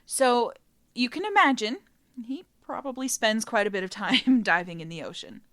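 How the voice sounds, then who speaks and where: A woman's voice: on the high side, animated, moderate pace, a bit bright. A woman hosting a podcast, telling a story in a chatty, casual way with laughing asides. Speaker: podcast host.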